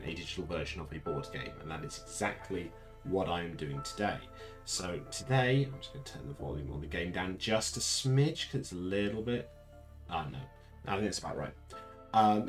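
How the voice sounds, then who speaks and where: A man streaming a board game over his lunch break, chatting casually in a rambling, self-mocking way. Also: deep voice. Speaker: gaming streamer. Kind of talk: casual commentary while playing.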